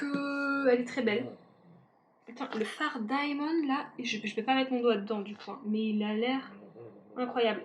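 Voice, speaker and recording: Woman beauty vlogger, fairly high voice, chatty and self-mocking, faint background noise. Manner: chatty, self-mocking, talks to viewers directly. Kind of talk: casual makeup declutter chat.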